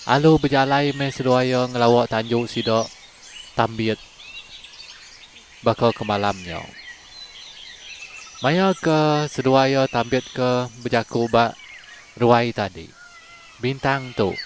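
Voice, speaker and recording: Speaking slowly with long pauses in a medium-pitched voice, a man narrates a lengthy folk story in Iban for his channel in a conversational way. He ends by inviting listeners to like and subscribe, over a slight hiss or hum.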